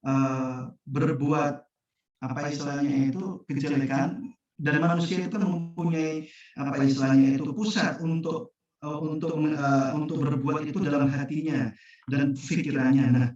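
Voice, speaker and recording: Halting man, echoey and far off. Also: on the high side, steady tone, a little mellow. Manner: halting, often searching for words. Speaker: religious teacher. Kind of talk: online Quran study talk. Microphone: video call. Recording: echoey, distant, muffled video call.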